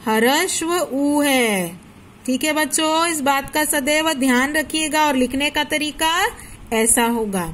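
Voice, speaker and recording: A woman teaching a class of small children in a high, bright voice. She speaks very slowly and deliberately, reading out word lists one by one. A faint hum of room ambience sits behind her. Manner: slow, patient teaching with drilled word lists; asks pupils questions, then answers them herself. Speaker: primary school teacher. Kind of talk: recorded online Hindi class for first-graders.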